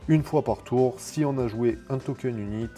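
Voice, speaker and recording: A man casually commenting while opening card packs, reading card names slowly and explaining the rules in quick asides, with fillers and self-corrections. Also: mid-range voice, mellow, faint music behind. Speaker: card game content creator.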